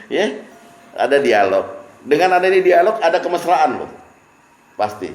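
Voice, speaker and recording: A man's voice: on the high side, sing-song, moderate pace. A man leading an informal religious study session. He jokes and keeps asking his audience questions. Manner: jokey, asks the audience questions. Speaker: preacher. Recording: echoey room.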